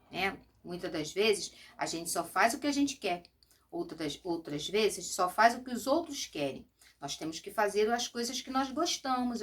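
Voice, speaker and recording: Patient woman teaching a Portuguese lesson. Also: on the high side. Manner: patient, explains step by step with many "né?" and "lembra?". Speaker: schoolteacher. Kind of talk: recorded remote Portuguese lesson.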